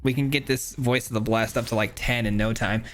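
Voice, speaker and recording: A man's voice: medium pitch, fairly even intonation, brisk, a bit bright. A man casually commenting on his own card game as he plays, chatty and self-critical, with frequent ums and uhs. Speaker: gameplay streamer.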